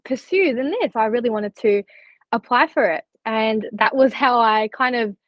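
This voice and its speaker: In a candid podcast interview, the young guest, a scholarship recipient partly raised in Turkey, speaks earnestly and chattily, full of "likes" and "you-knows." Her fairly high voice moves at normal speed, and the recording is dry, lo-fi, and slightly dull.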